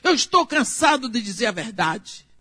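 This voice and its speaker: A man's voice: very high voice, very animated, normal speed, sharp tone, no room sound, exaggerated voice. Brazilian woman doing a curt defensive young man, dry close sound.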